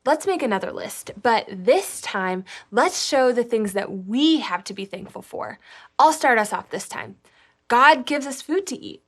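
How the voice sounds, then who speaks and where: A woman's voice: a little high, animated, unhurried. A woman presenting a scripted children's church lesson, upbeat and encouraging, talking straight to the kids.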